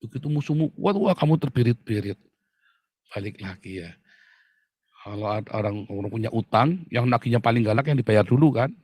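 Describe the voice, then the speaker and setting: A male pastor, preaching in an animated, mocking way that swings from loud outbursts to low asides. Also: brisk, breathy edge, dry recording. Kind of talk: sermon.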